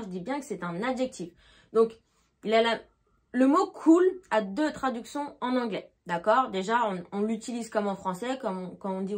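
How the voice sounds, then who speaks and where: A woman teaching English vocabulary, who repeats each example, translates it and checks with "d'accord?". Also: fairly high pitch. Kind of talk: explaining grammar.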